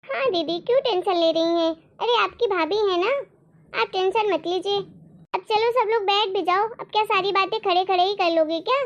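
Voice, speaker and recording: A woman voicing a caring young sister-in-law in a cartoon story, softly persuading and gently scolding. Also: very high-pitched, moderate pace, lo-fi sound. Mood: gently persuasive. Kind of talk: Hindi cartoon moral-story voice acting.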